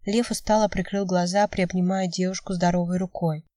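A woman narrates an audiobook in a steady, even voice with a dark, mellow tone. The recording is dry, with the mic set slightly back. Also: on the low side, a little fast, no echo, far from the mic.

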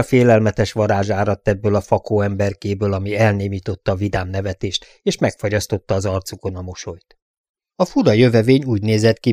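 A man narrating an audiobook in a measured storytelling manner, recorded close on a studio mic. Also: fairly low pitch, a little mellow, no room sound.

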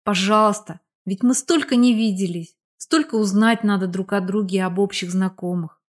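A woman's voice: mid-range voice, normal speed, lightly acted. A woman reading the part of a confident, playful young man in an audiobook, speaking with joking bossiness. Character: young man, cheerful, confident, teasing old friend. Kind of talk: audiobook character voice.

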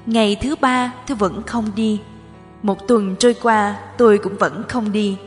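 A woman's voice: mid-range voice, steady tone, unhurried. Woman narrating a memoir audiobook. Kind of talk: first-person memoir narration. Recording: reverberant with background music.

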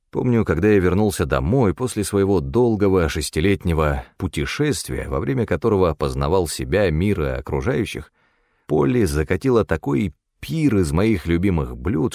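A man narrating a first-person audiobook in a wry, expressive storytelling manner. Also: low-pitched, vocal fry, dry recording, studio quality.

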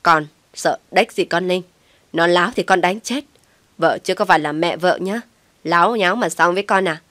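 A woman's voice: on the low side, fairly even intonation, normal speed, a bit bright, no room sound, close to an everyday voice. A woman doing a slurring drunk husband. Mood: drunk, angry. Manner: slurred, belligerent.

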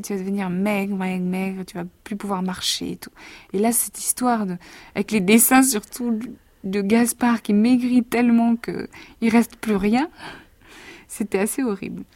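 An actress reading rhymed children's stories aloud with lively rhythm, and recalling them more quietly between readings. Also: female voice, medium pitch.

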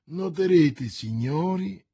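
A man voicing a calm, ironic musketeer who speaks in a low, dry, understated way. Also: slow, breathy edge, heavily acted. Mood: wry.

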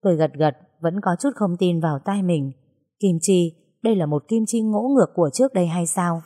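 A woman narrating a story in an even storytelling manner. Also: lowish voice, a little fast.

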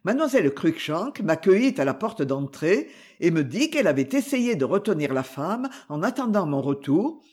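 Un homme qui lit un roman à voix haute, une narration écrite et expressive à la première personne. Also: male voice, sits high, moderate pace. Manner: expressive first-person reading. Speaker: audiobook reader. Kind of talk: scripted narration.

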